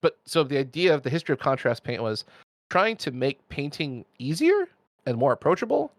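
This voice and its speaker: A man's voice: a little high, sing-song, fairly quick, dry recording. Chatty man explaining hobby painting tips. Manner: chatty, detailed explainer with asides and jokes. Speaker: guest miniature painter. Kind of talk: casual podcast chat, explaining technique.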